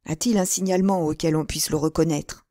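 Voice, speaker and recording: A woman's voice: low voice, fairly quick, no room sound, studio quality, natural voice. Woman voicing d'Artagnan, eager young musketeer. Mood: questioning. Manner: eager, rising to excited exclamations. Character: young hot-headed male musketeer.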